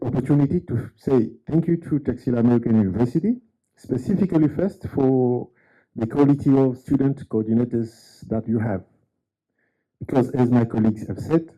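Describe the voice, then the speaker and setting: Man from congo, measured hesitant talk, dull lo-fi ceremony recording. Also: medium pitch, mellow. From Democratic Republic of Congo. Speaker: graduate giving a testimonial. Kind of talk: unscripted ceremony speech.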